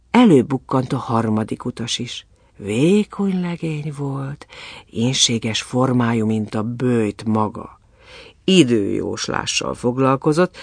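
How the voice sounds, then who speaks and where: A man reading a fairy tale aloud in an expressive, storytelling manner. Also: mid-range voice, vocal fry, dry recording, studio quality.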